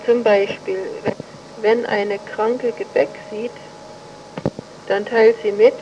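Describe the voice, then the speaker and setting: Woman, mellow higher voice, steady dictation pace; muffled lo-fi recording. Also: a little hiss or hum. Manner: measured, reads punctuation marks aloud. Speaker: dictation reader. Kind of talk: slow dictation of an academic text.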